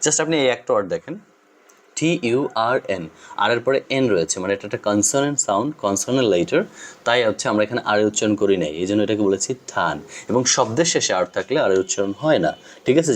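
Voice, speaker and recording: Male English tutor, fairly low voice, patient step-by-step explainer who repeats example words for contrast. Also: animated, fast talker. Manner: says example words twice to contrast them. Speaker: English teacher. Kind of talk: spoken English lesson on pronunciation.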